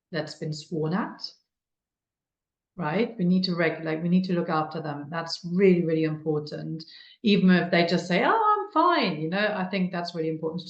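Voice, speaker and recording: A woman giving a conversational webinar talk on child development, animated and full of fillers, slipping into acted-out quotes. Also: sits low, muffled recording. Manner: animated, uses many fillers, acts out quotes. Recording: echoey room.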